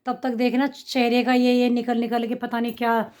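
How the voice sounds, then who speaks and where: A woman's voice: a little high, completely flat delivery, moderate pace, a little mellow. Chatty woman vlogger with a slight cough. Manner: chatty, rambling daily account with asides to viewers. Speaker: family vlogger. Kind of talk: casual vlog talk to camera.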